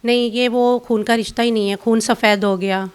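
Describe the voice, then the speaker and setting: A middle-aged woman from Pakistan gives an interview in a high voice. She talks bitterly and insistently, accusing and complaining with strong feeling. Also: fairly even intonation, clean tone. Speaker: interview guest.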